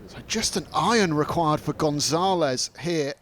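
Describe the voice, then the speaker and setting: A man's voice: fairly high pitch, lively intonation, measured pace, fairly bright tone. A man working as a golf commentator, giving live play-by-play of the shots and scores.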